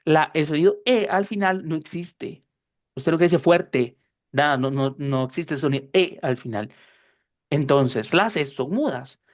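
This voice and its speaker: A woman teaching a class, explaining slowly and patiently, often repeating herself and checking that her students follow. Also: lowish voice, no room sound, clean studio sound. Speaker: English teacher.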